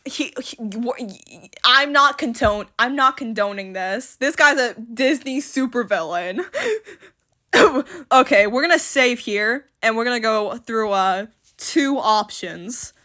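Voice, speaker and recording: A woman's voice: on the high side, slow, sharp tone. A young woman giving casual commentary as she reads an AI chat aloud. She often laughs and mocks the story, talking back to it. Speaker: video creator reading an AI chat.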